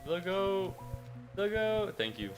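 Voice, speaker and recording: A young American man chats to viewers during a casual game livestream, rambling and poking fun at himself. His voice is high-pitched and sing-song, slow-paced and a little sniffly after a cold, with music playing underneath.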